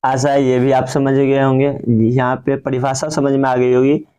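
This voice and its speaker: A man's voice: medium pitch, little pitch movement, dark tone, clear, resonant tone. A man teaching a grammar lesson, who keeps asking questions and answering them himself to drill the key points. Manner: drawn-out chanting of example words.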